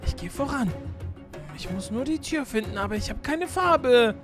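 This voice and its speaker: Woman gaming streamer, high and sparkly, very animated delivery, jumpy exclamations, faint game music behind. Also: moderate pace. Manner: jumpy, exclaiming, repeats words in bursts. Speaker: gaming YouTuber. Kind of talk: excited gameplay chat.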